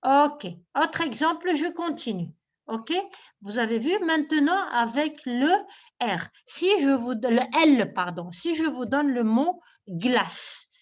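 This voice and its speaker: A woman teacher giving an online class, speaking slowly and patiently and checking in with "ok?" after each point. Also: high voice, expressive, dull audio.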